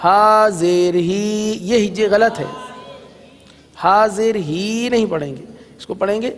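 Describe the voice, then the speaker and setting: High-voiced man chanting spellings in a hall. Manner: chants letter spellings in a sing-song, then explains rapidly. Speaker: Quran reading teacher. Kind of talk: Islamic religious lesson.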